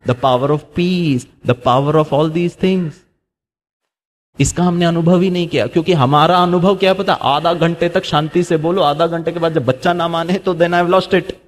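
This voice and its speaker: Middle-aged male speaker, a touch high-pitched, storytelling with rhetorical questions, code-switching. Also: fairly even intonation, a little slow. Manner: mixes English into Hindi, rhetorical questions; acts out quoted voices while telling stories. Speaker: spiritual speaker. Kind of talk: motivational talk.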